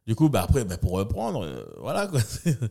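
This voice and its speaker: A mellow male voice at normal speed, with vocal fry and pitch that swoops wildly. He's a comedian and entertainer from New Caledonia, a guest telling animated stories from his career and acting out other people's voices with big pitch swings.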